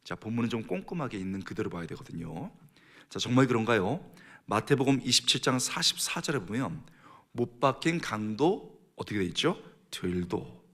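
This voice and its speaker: A middle-aged man preaching a sermon as a pastor in a church. He moves between hushed, almost whispered lines and raised, emphatic passages. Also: mid-range voice, sing-song, normal speed.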